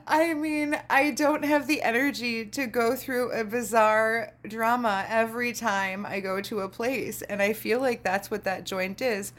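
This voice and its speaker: A woman hosting a podcast, telling a story in a casual monologue, sardonic and animated, who laughs often and swears freely. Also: fairly high pitch, a little slow. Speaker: podcast host.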